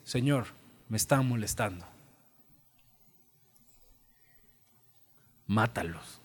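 A preacher playing a bold, mocking old prophet. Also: male voice, a little high, normal speed, close to an everyday voice. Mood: grim hush. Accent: Salvadoran Spanish. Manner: taunting, sure of himself. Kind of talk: sermon storytelling.

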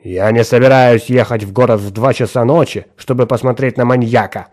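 A man's voice: mid-range voice, steady tone, fairly quick, a little mellow, natural voice. A man voicing a harsh, contemptuous boss woken at night, curt and barking. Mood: angry scorn.

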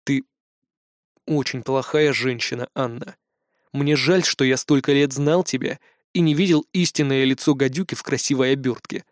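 A man reading an audiobook, voicing a stern man who speaks low and reproachfully. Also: steady tone, fairly quick, darkish tone, dry recording, clean studio sound, natural voice. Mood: cold. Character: grown man, stern and cold.

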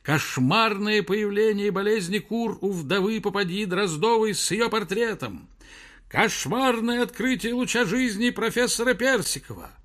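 A man doing a hoarse bawling newsboy. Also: high-pitched, animated, unhurried, a bit bright, pitched above the performer's own voice. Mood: hawking. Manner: bawling, hawking. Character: shouting male street newsboy hawking papers.

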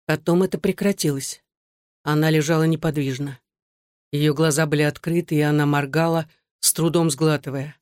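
A woman reading an audiobook story in a calm, even voice. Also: low-pitched, moderate pace, dry recording, clean studio sound. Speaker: narrator. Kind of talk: audiobook narration.

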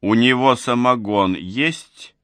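A man doing a slow hungover tractor driver. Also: mid-range voice, fairly bright tone, dry recording, studio quality. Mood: gruff. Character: hungover middle-aged male tractor driver, gruff and bossy.

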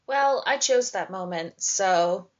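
A woman's voice: mid-range voice, animated, takes it slowly. A woman in a casual podcast chat with a wry, teasing manner. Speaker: podcast co-host. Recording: dull lo-fi podcast audio.

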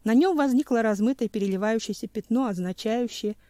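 A woman narrating an audiobook in an even, measured style. Her voice is mellow and dark, recorded dry and close to the mic. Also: on the high side, dry recording. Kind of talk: scripted narration.

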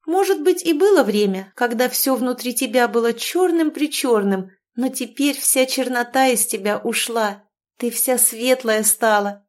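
A woman's voice: on the high side, unhurried, pitched above the performer's own voice, lightly acted. A woman voicing an eager, emotional young mother who insists and pleads with her grandmother, read from a storybook. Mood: loving. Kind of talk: storybook reading.

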